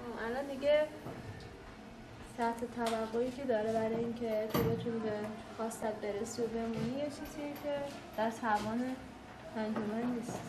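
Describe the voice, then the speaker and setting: A woman with a high voice presses with question after question, insistent and unrelenting. She is heard in an echoey room with clear background noise. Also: fairly even intonation. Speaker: documentary filmmaker. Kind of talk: tense negotiation in casual talk.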